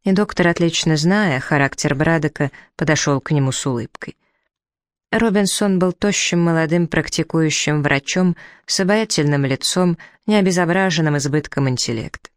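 A man reading a detective novel aloud as an audiobook, in an even, measured narrating voice. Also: a little high, clear, resonant tone, no echo, studio quality. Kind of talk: scripted literary narration.

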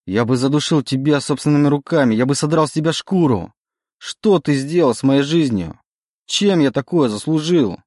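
A man's voice: medium pitch, expressive, brisk, a little mellow, dry recording, studio quality, voice pushed up, lightly acted. A man voicing a withdrawn young orphan in an audiobook, his voice strained and raised. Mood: furious. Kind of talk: audiobook reading.

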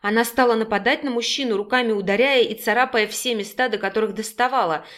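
A woman narrating an audiobook in a steady, measured storytelling manner. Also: a little high.

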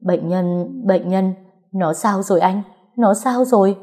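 A woman's voice: mid-range voice, unhurried, dark tone. A woman voicing a frantic young woman pleading for help, her voice raised. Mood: desperate pleading.

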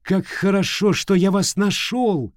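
A man voicing an eager, brave young boy in a read-aloud storybook, exclaiming excitedly. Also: medium pitch, measured pace, no room sound, studio quality, voice pushed up. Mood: urgent.

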